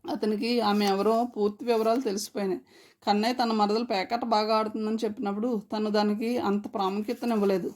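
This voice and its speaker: A woman storyteller narrating a story in a steady, plain reading voice. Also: medium pitch, a little fast.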